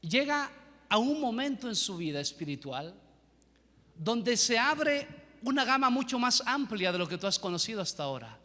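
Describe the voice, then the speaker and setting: High-voiced bright male preacher. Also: very animated, moderate pace. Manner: storytelling, rising to fervent preaching. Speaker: pastor. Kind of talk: sermon. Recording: reverberant church hall with music.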